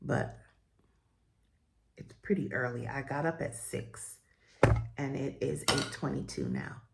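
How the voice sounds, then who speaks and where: A woman chatting casually while doing her makeup for viewers, rambling and friendly, with a croaky morning voice. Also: extremely low pitch, big pitch swings, takes it slowly, very noisy. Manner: chatty, rambling, warm sign-offs to viewers. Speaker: beauty vlogger and host. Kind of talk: chatty get-ready-with-me talk.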